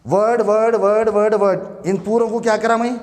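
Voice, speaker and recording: A man's voice: sits high, little pitch movement, moderate pace, darkish tone, in a large hall. A man teaching basic English grammar to a class. He asks questions and answers them himself, repeats words and spells them out letter by letter. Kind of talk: classroom grammar lesson in mixed Hindi and English.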